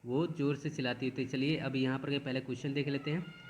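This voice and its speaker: Man teaching a lesson, slow careful reading. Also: mid-range voice, steady tone, noisy background. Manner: reads verses slowly, then explains with frequent restarts.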